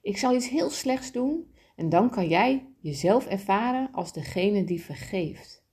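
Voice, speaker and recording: A woman's voice: medium pitch, expressive, unhurried, slightly rough. A woman voicing a kind, wise soul. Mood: gentle. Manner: gentle, patient explaining.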